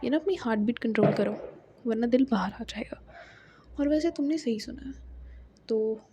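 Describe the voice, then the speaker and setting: A woman's voice: fairly high pitch, normal speed, very noisy, natural voice. A woman whispering as a teasing college girl, whispered role-play. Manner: soft unvoiced whisper, playful.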